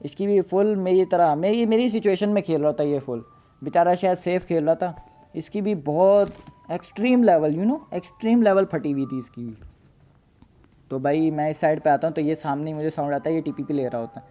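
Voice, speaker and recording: A man's voice: fairly high pitch, fairly quick, warm tone, soft background music. A man doing casual, joking voice-over commentary on his own gameplay as a gaming YouTuber. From Pakistan. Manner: casual, joking, playful storytelling.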